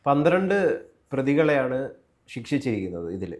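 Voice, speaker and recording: Man, interviewer, measured, steady, reads names methodically. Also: medium pitch. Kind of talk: political interview.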